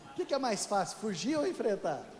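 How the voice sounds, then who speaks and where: Male pastor from Brazil, higher-pitched voice, chatty sermon style with asides to the congregation, echoey church sanctuary. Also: very animated, normal speed, darkish tone. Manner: conversational, joking with the congregation; addresses listeners as "querido".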